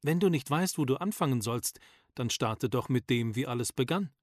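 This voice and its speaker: A man voicing an affectionate young adult daughter in an audiobook, pitching his voice up for her. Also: lively intonation, normal speed, no room sound, studio quality, close to an everyday voice. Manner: soft, affectionate. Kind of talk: audiobook character voice.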